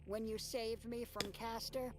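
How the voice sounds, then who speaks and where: A woman voicing a sharp-tongued, short-tempered young female mage in a comedy fan dub, sarcastic and exasperated. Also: fairly high pitch, steady tone, unhurried, in a large hall, natural voice. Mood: bemused.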